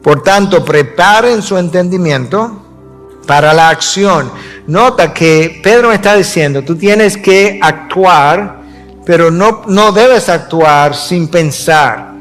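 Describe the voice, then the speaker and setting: A man's voice: high-pitched, takes it slowly, fairly bright tone, faint music behind. A pastor preaching a sermon, teaching from scripture and changing his pace for emphasis.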